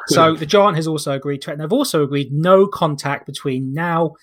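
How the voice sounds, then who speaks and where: Higher-pitched British man chatting as host. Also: a little fast, fairly bright tone. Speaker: podcast host. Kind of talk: casual comedic wrestling review chat.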